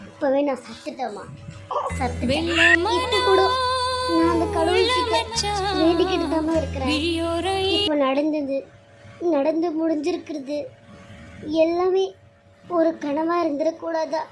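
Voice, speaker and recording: A woman's voice: sits high, a little mellow, rough recording. A woman voicing a heartbroken young wife in a cartoon serial, crying and pleading in a broken, repeating lament. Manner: sobbing lament, repeating and breaking off phrases. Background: background music.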